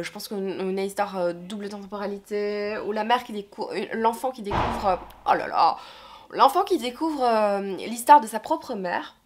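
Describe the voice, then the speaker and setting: A young woman with a cold and a stuffy voice, chatting hesitantly about her book purchases in a casual vlog. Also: mid-range voice. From Belgium. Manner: chatty, hesitant, many fillers and self-corrections. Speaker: book vlogger.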